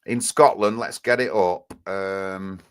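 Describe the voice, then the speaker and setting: A man with a broad Oldham accent, talking low-pitched and blunt as he hosts a live stream. He rambles and circles back in casual chat, with an indignant, not-having-it edge. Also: fairly even intonation, slow pace, clean tone. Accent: Oldham, Northern English. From Oldham, England.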